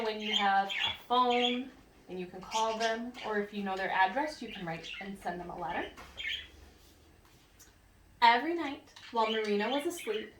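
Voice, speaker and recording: A woman with a higher voice reads a picture book aloud to young children, expressive and teacherly, pausing to ask them questions and explain. The mic is distant, giving a roomy sound with faint noise.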